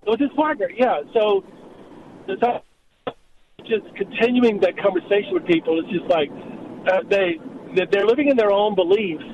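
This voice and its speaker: High-voiced man caller over the phone. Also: normal speed, pauses often. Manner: rambling, conversational storytelling. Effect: heard over the phone. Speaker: radio show caller. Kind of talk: casual call-in chat. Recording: muffled phone line with background noise.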